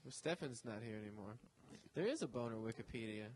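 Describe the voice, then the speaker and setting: A man's voice: mid-range voice, quick pace, a little hiss or hum. Wry male podcast co-host. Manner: wry, deadpan, reads headlines jokingly. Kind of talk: casual banter.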